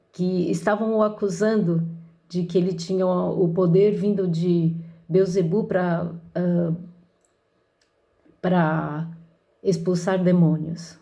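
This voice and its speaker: A woman's voice: on the low side, mellow. A woman preaching a sermon, speaking unhurriedly with frequent fillers and restarts, who mentions her own patients. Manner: slow, unhurried delivery with many fillers. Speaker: counselor with patients.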